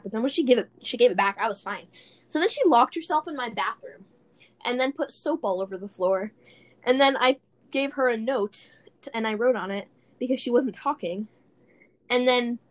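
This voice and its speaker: A woman co-hosting a casual chat podcast, telling rambling stories with lots of giggles. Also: a little high. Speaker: podcast co-host.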